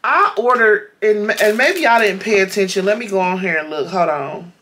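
A woman's voice: medium pitch, normal speed, a bit bright, a little hiss or hum. A woman chatting casually to viewers while unboxing a package at home, with lots of fillers and y'all. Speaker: vlogger.

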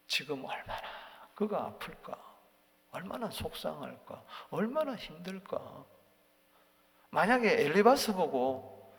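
Male pastor, early-morning sermon, animated pitch swings, gravelly tone, long church reverb. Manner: animated preaching, mocking voices of accusers, sudden drops to near whisper. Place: church sanctuary.

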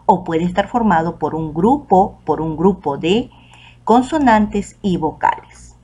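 In a recorded online lesson for children, a Peruvian woman teacher pronounces the example words slowly and clearly. Her Peruvian Spanish accent comes through in a fairly low, mellow, animated voice.

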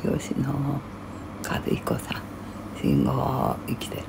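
Older lady streaming at home, super gravelly voice, whispers comments then grumbles out loud, noisy audio. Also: rumbling low, big pitch swings, slow. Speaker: livestreamer. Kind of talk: casual livestream chat reading viewer comments.

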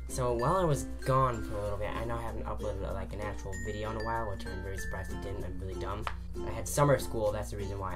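A teenage boy vlogging in a fast, rambling, excitable way about a day out with friends. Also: lowish voice. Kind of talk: casual vlog talk. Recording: music and crowd noise behind.

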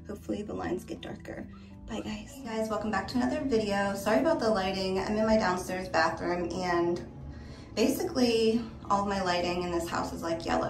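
A woman filming a casual vlog, talking excitedly to her viewers and often saying "you guys.". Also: mid-range voice, gravelly, roomy sound. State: out of breath. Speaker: vlogger. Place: home bathroom.

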